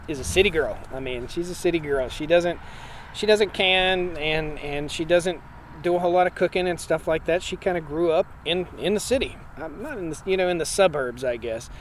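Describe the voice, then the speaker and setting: A man's voice: a little high, a little hiss or hum. A man in his forties, a homesteading farmer, talking emphatically in a casual interview at an outdoor conference. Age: 40s. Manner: plainspoken, emphatic, with frequent restarts.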